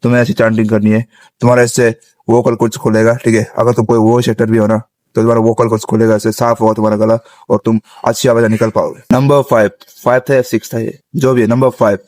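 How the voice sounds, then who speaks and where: A man's voice: mid-range voice, little pitch movement, fast talker, darkish tone, no echo. A young man giving a casual spoken tutorial on vocal tips, outdoors on a rooftop. He explains step by step and keeps checking in with his listeners. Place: outdoors on a rooftop, sitting on the ground.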